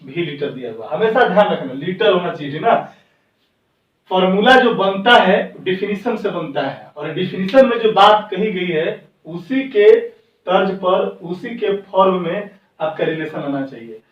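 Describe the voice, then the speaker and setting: High-voiced male teacher, echoey and distant. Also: animated. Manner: asks the class questions and answers them himself, repeats words slowly for dictation. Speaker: chemistry teacher. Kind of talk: classroom lecture, dictating notes. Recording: distant, dull echoey room.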